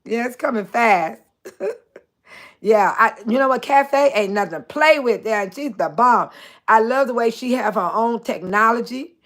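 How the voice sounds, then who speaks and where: A Chicago-area woman in her 60s hosts a casual livestream, reading viewer comments and addressing people by name. Her fairly high, fairly bright voice moves a little slowly, and she laughs often as she chats.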